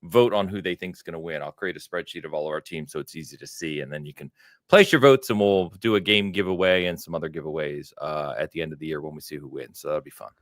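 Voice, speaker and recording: Deep-voiced American podcast host. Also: male voice, quick pace, no room sound, clean studio sound. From United States. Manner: relaxed, chuckling, thanks viewers. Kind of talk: casual podcast chat.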